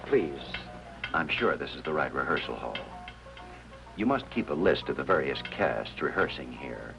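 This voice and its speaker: A man's voice: very deep voice, sing-song, normal speed, vocal fry, full character voice. An actor playing an earnest male hospital chaplain who asks polite, persistent questions in a 1950s TV drama. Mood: pleading. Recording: dull lo-fi 1950s TV soundtrack with music.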